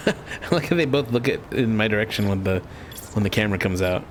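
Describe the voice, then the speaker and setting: A man's voice: fairly low pitch, lively intonation, fairly quick, a little hiss or hum. A man giving casual, joking commentary while playing a video game, often breaking into laughter.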